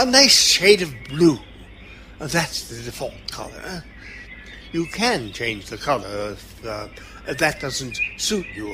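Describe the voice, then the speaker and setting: An actor in an audio drama playing an eccentric, kindly, cheerful old time-travelling doctor who dithers through ums and broken phrases. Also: male voice, a little high, pushed and bright, a little hiss or hum, full character voice. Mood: awkward, reassuring.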